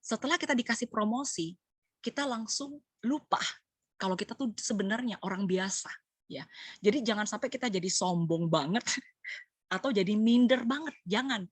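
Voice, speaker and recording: A middle-aged woman leading a church cell group, preaching in a lively way, acting out quoted voices and mixing slang with English. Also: mid-range voice, moderate pace, husky, no echo. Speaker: cell group leader sharing a sermon.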